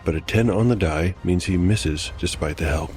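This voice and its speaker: Speaking low at a moderate pace, a man narrates his own solo tabletop session as game master, alternating dramatic narration with dry remarks on his dice rolls. Background music and background noise can be heard.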